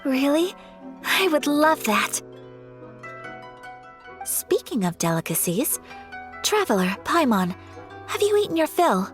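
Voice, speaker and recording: A woman acting a gentle, refined young noblewoman in a video game, speaking politely and formally over music. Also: high-pitched, very animated, full character voice. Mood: polite, intrigued. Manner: polite, softly formal, measured.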